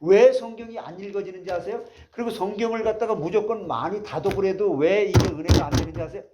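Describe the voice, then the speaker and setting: A man's voice: sits high, quick pace, a loud crowd. A man preaching a sermon as pastor, asking the congregation rhetorical questions as he explains a passage.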